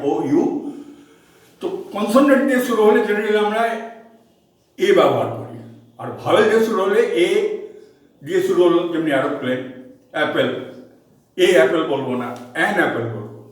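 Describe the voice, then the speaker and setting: A man's voice: high voice, very animated, normal speed, pauses often, recorded from a distance. A man with a Bengali accent teaching an online English grammar lesson in Bengali, explaining patiently, repeating examples and asking the class questions. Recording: echoey room, voice from off-mic.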